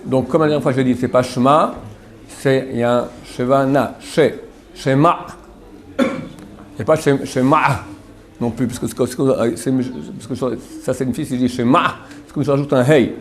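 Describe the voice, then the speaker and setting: A man's voice: medium pitch, fairly even intonation, brisk. A rabbi giving a religious lesson, explaining step by step and demonstrating pronunciations to his students. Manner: addresses students directly with frequent "d'accord?". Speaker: rabbi teaching a class.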